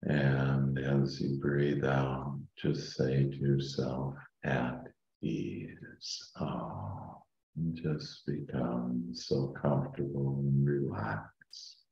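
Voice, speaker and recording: A man leading a guided meditation in a calm, slow, meditative tone. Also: extremely low pitch, vocal fry, reverberant, muffled recording.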